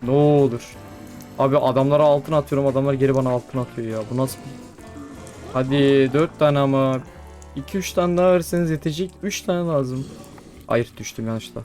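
A young man giving casual commentary over his own gameplay, chatting to the creatures on screen and breaking into excited exclamations. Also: medium pitch, fairly quick. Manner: chatty, talks to mobs, frequent excited exclamations. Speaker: gaming YouTuber. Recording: faint background music.

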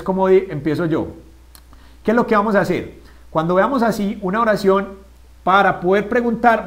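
A man teaching an English grammar lesson on video, patiently asking rhetorical questions and repeating key words. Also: high-pitched.

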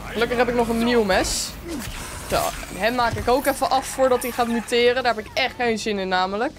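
Young dutch girl gaming commentary, higher voice, excitable, chatting to viewers over faint hiss. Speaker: gaming streamer. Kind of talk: let's play commentary.

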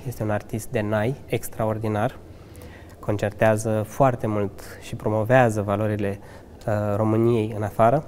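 A Romanian restaurant manager in his thirties answers interview questions earnestly and enthusiastically, with eager asides, occasional laughs and restarts. His medium-pitched voice is mellow, captured on a handheld mic held by the interviewer in a restaurant lounge with a fireplace, with slight background noise.

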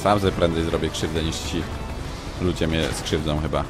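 A man commenting live on his own gameplay, muttering to himself and breaking into shouts and yelps when things go wrong. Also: a bass voice, normal speed, music in the background. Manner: excitable, shouts and yelps when under fire. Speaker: gaming streamer.

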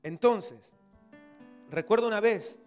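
A man in his thirties, a pastor from Argentina with an Argentine accent, preaching a fervent sermon that swings between loud exhortation and quiet storytelling. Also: high voice, slow, soft background music. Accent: Argentine Spanish. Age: 30s.

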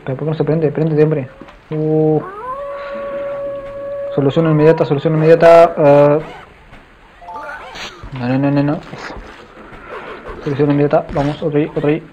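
Young male let's play commentator, excitable, slightly high voice, dull home mic with faint hiss. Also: moderate pace, pauses often. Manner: excitable, talks to viewers as "chicos", frequent exclamations. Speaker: gaming youtuber.

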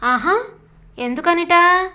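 Woman doing a young college girl, teasing, stubborn, quick retorts, high voice, storybook reading. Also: fairly bright tone.

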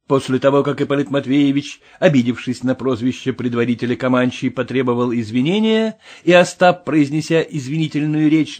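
A man narrating an audiobook, reading the prose and voicing a brash, witty con man. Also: on the high side. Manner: lively, mocking when voicing the swindler hero. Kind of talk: audiobook reading with character voices.

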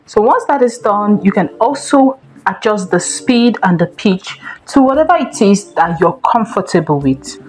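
A woman hosting a software tutorial, explaining each step in a steady, instructive way. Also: medium pitch, moderate pace, few pauses, soft background music. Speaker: tech tutorial host. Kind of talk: screen-recorded software tutorial.

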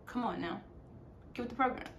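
A woman hosting a reaction video, chatty and exclaiming, quick to laugh at what she watches. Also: fairly high pitch. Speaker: video host reacting to a series. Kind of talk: casual reaction commentary.

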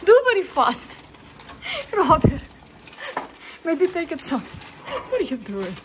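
Her voice very high-pitched and slow, a woman vlogs from her home kitchen while dealing with a roast turkey. Holding the phone camera herself, she chats excitedly, laughing and exclaiming often, and the recording comes through noisy.

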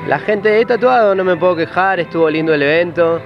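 A tattoo artist in his twenties from Lima, Peru, is interviewed outdoors on a patio, speaking casually into a handheld reporter microphone. His voice is high-pitched and fairly quick, and the sound is dull with music playing behind him.

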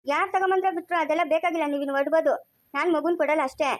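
A woman's voice: sits high, very fast, natural voice. A woman playing a stubborn young mother who refuses to hand over her child, in an insistent, scolding amateur family drama. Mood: defiant.

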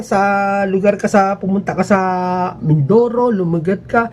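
A man talking casually to his viewers in a rambling, emphatic way, his pitch swinging up and down. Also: slight background noise. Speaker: vlogger.

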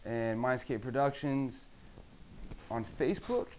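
A man's voice: mid-range voice, measured pace, darkish tone, a little hiss or hum, rough recording. A man introducing himself as a hip hop artist, steadily listing where to find him online. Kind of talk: self-introduction.

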